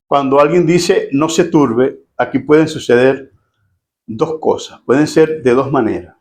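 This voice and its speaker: A man's voice: medium pitch, measured pace, darkish tone. A middle-aged male pastor preaching a sermon to his congregation in a conversational way, acting out quoted voices and asking the listeners questions. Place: church.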